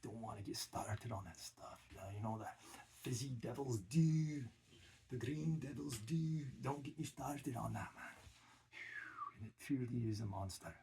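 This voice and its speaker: A man's voice: medium pitch, lively intonation, normal speed, a little mellow, slight background noise. A man with a put-on Scottish accent gives a mock-serious comic warning, filling it with "you know" and dropping into whispers. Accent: put-on Scottish, attempted. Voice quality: very breathy. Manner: grave warning tone, heavy "you know" fillers, drops into whispers. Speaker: comedy sketch performer.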